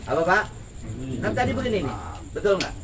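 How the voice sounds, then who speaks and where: A lively preacher calling to a crowd outdoors. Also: male voice, high voice, fairly quick. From West Java, Indonesia. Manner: lively call-and-response preaching. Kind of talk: sermon. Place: outdoor evening gathering with a crowd. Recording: distant mic with background noise.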